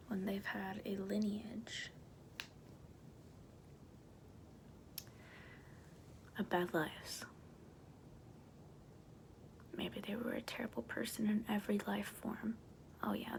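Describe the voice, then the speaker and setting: Woman in whispered role-play as a creaky demonic she-devil. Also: medium pitch. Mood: dark, matter-of-fact. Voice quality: breathy whisper with creaky edges. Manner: demonic whisper, coaxing and casual. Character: sly, persuasive demonic she-devil offering soul contracts.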